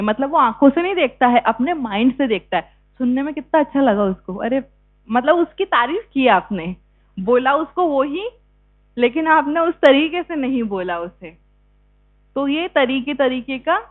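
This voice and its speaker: A woman lecturing a class of students on yoga, talking conversationally and often checking in with quick questions. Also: a little high. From India. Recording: tinny phone-like lecture recording.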